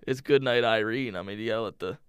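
A man's voice: lowish voice, fast talker, smooth, no room sound, studio quality. A young man co-hosting a podcast, bantering casually with a self-deprecating, joking manner. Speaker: podcast co-host. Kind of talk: casual chat.

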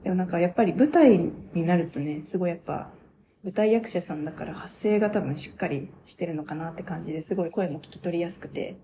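A young woman talking casually on her own radio show, reviewing a stage play as an excited, gushing fan who laughs often. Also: fairly low pitch, quick pace, a little hiss or hum. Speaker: podcaster.

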